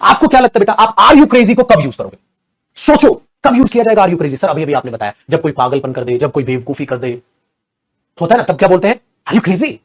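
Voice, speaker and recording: An Indian man teaching a spoken English class online, coaxing and animated as he mixes English example lines into his explanations. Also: on the high side, quick pace.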